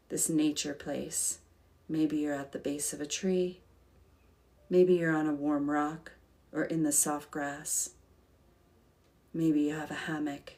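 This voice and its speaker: Low-pitched woman leading a calm grounding meditation. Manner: calm, soothing, gentle, unhurried with long pauses. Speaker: guided meditation leader.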